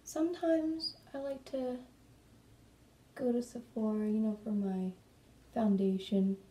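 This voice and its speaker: A woman's voice: fairly high pitch, fairly even intonation, takes it slowly, warm tone. A woman vlogger chatting in a rambling way while doing her makeup at home, talking to her cat now and then. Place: room at home. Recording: echoey room, mic at a distance.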